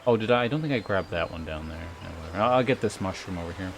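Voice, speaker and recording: Racing along in a deep, expressive voice, a streamer narrates his gameplay in a rambling, casual way and reads chat aloud. The background is noisy with game music, and his humor is dry and sarcastic, with free swearing.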